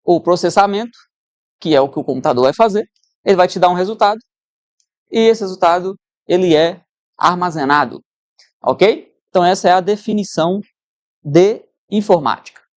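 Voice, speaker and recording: A woman's voice: lowish voice, normal speed, darkish tone, no room sound. A woman teacher giving an exam-prep lesson, conversational, who keeps checking in with her students.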